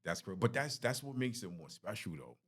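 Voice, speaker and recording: This is a podcast host in his forties, bantering with a guest in a laid-back, slangy interview chat. His fairly low voice is husky and a bit bright, and he sounds very animated and fairly quick.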